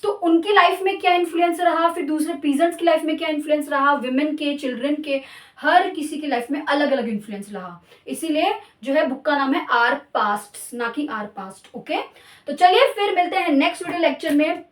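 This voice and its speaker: A woman's voice: high-pitched, echoey room, distant mic. A woman teacher giving a recorded history lesson, explaining patiently and often checking in with "ठीक है". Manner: explains slowly, repeating points with "ठीक है".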